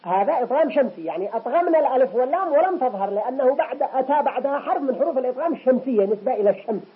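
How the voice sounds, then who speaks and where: A man teaching the rules of Quran recitation. He goes slowly and deliberately and repeats each recited example several times. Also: very high voice, animated, slightly rough. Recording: lo-fi muffled recording.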